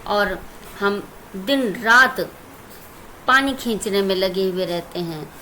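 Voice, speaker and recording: A woman's voice: medium pitch, slow pace, pushed and bright, slight background noise, poor audio. A woman Hindi teacher with an Indian accent, reciting lines of verse and then explaining them plainly to her students. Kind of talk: poem explanation lesson.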